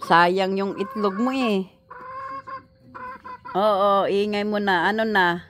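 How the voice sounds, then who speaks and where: Speaking in a steady, mid-range voice, a woman with a Filipino accent coaxes her pet chickens outdoors on a patio lawn with slow, laughing baby talk, also chatting to the camera. A downward-pointed handheld phone records her, with a little hiss or hum.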